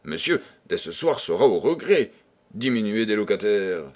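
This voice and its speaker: A man's voice: fairly low pitch, big pitch swings, moderate pace. A man doing a flustered fussy concierge. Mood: pleading. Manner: pleading, stammering protest. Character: flustered fussy middle-aged male concierge.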